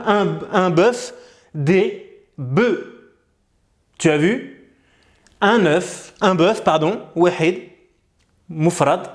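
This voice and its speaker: Male teacher, high voice, unhurried, patiently repeating words for beginners. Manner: patient, repeats each word slowly and checks in with "Ok?". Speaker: reading teacher. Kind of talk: bilingual reading lesson.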